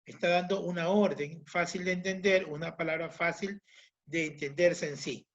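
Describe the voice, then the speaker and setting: High-voiced male teacher, lo-fi sound. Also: fairly even intonation, normal speed, a bit bright. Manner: patient, explanatory, repeats points with examples. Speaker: language teacher. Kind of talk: online class lecture.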